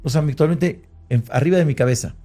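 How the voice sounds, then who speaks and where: A man with a Mexican Spanish accent tells an interviewer about an encounter he had, speaking conversational Spanish in the first person. He's hesitant, restarting often and using fillers, and slows down at tense moments. His voice is a little high with a dark tone, and faint music plays behind him.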